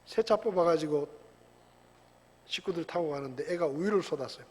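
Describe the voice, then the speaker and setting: A middle-aged male pastor from South Korea preaching a sermon, full of rhetorical questions and sudden shouted bursts. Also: fairly high pitch, a little fast, big-room sound, very noisy. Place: church sanctuary.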